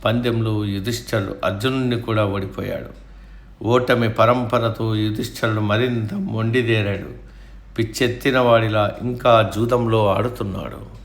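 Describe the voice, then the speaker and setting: A man reading an epic story aloud in a measured, solemn storytelling manner. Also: lowish voice, steady tone, roomy sound. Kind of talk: scripted epic narration.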